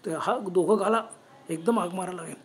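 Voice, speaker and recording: A high-pitched man with a husky edge tells a spooky tale in a Marathi accent. He narrates with energy and slips into the voices of his characters. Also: fairly quick. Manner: animated, acts out quoted voices. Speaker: storyteller. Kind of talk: Marathi horror story narration.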